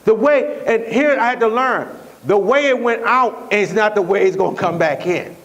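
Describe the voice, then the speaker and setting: A man's voice: high voice, moderate pace, a bit bright, lo-fi sound. A male pastor preaching a sermon in a conversational, repetitive way, often restarting his sentences.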